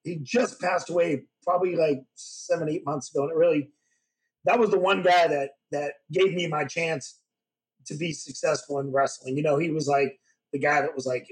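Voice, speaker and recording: A man speaks in a slightly raised register as a guest in a podcast studio. He tells his stories in a casual, animated way and acts out the dialogue. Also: a little high, rough recording. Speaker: podcast guest, former pro wrestler. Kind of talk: casual storytelling interview.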